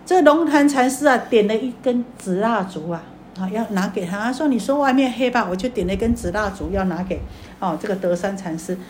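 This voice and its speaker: A woman giving a Buddhist sermon, telling a story in a rambling way with many fillers and drawn-out sentence endings. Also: medium pitch, slight background noise. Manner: repetitive, filler-heavy, drawn-out particles. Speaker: Buddhist dharma teacher.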